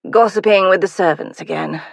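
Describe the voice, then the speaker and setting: A woman's voice: medium pitch, brisk, creaky, no room sound. A woman reading a lofty, bored duke. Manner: lofty, grumbling.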